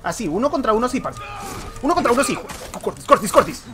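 A man with a Colombian accent doing let's play commentary, excitable and switching between Spanish and English, yelling at the game. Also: extremely high pitch, quick pace, background noise. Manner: yells at the game. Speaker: gamer.

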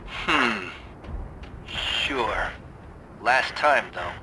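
A man's voice: medium pitch, animated, drawn-out words, background noise. Man doing a grudging weary old friend. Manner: grudging, clipped. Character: gruff male old friend, weary and reluctant. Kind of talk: audiobook narration.

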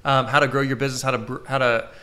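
A man's voice: mid-range voice, very fast. Joking, rambling male podcast host. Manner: jokey, rambling, animated. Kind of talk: casual live podcast banter.

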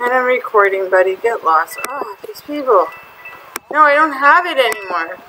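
A high-pitched woman talks through her gameplay in a chatty, excitable way, getting fed up with other players. A faint hiss and mouse clicks sit under her voice. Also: moderate pace. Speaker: gaming video host. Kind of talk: casual gameplay commentary.

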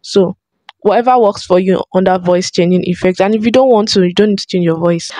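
A woman's voice: mid-range voice, darkish tone, dry recording. A young woman, a content creator, explaining phone video editing in a chatty tutorial vlog on an external microphone. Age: young adult.

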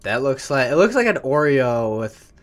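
At a moderate pace and mid-range pitch with big swings, a man narrates his Minecraft building live for his gaming channel. The talk is casual and wandering; he's self-mocking and chatty, stumbling over words and cursing mildly at his slip-ups.

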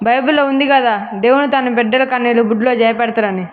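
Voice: medium pitch, fairly even intonation, fast talker, very noisy, close to an everyday voice. An actor playing a poor jobless young man who complains and prays for work. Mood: respectful. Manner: complaining, pleading. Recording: tinny phone-like sound.

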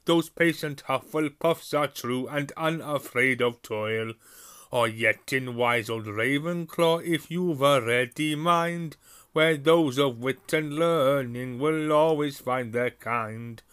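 A proud old magical hat, which a man voices, recites its rhyme slowly and grandly, pitched up and loud. The voice is bright and forceful, a storybook character with a jovial, booming manner. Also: clean tone. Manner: sing-song rhyming recital, slow and booming. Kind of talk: audiobook character voice.

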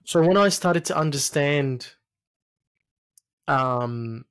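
This podcast guest, a man in his late thirties with roots in Egypt and Australia, speaks at a fairly high pitch while recounting personal stories in conversation. His manner is reflective and hesitant, marked by repeated phrases. The setting is a small home studio indoors, using a close arm-mounted podcast mic.

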